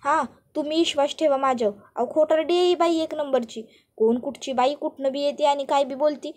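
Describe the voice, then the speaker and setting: A melodramatic village mother pleads and protests in a high, raised wail, as a woman narrator puts her on. She begs and swears her innocence in a rustic, theatrical manner. The voice sits high and carries well. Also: steady tone, a little fast, darkish tone, close to an everyday voice. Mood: pleading wail. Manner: pleading, protesting, theatrical wailing in rural dialect. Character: melodramatic wailing village mother-in-law, middle-aged woman.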